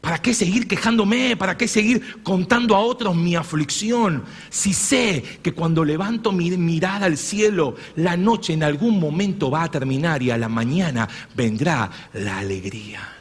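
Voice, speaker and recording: A man preaching a sermon as pastor, swinging between hushed, tender phrases and loud exclamations. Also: a little high, moderate pace, hardly any pauses, husky. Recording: long reverb with faint music behind.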